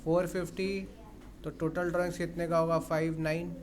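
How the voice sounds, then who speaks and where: A man's voice: on the high side, level tone, moderate pace, a little hiss or hum. A man teaching an accounts class in Hindi, often questioning and coaxing his students, with terms. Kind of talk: classroom lecture.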